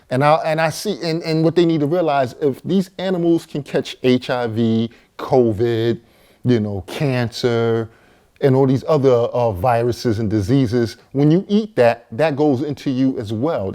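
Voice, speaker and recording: In a casual personal testimony delivered to camera, a man in his forties, both vegan chef and co-author, talks about himself with plenty of fillers and repeated words. He speaks at a medium pitch with a dark tone.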